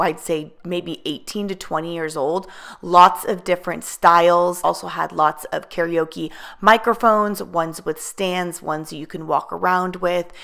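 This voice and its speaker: A woman's voice: fairly low pitch, gravelly, a bit bright. Upbeat woman narrating a shopping vlog. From United States. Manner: upbeat, enthusiastic deal-hunting. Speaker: vlogger.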